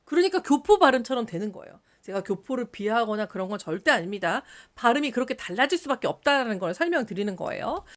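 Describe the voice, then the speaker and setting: A woman teaching an English lesson in a casual video, lively, switching between polite and casual speech and sounding out example words. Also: on the high side, fast, hardly any pauses.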